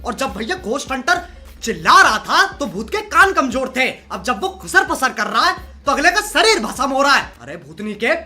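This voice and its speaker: A young man roasting a clip in a high, bright voice that swings widely up and down. He is sarcastic and mocking, and his jokes are crude and quick. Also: sing-song, faint music behind. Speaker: reaction video host. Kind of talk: comedic roast commentary.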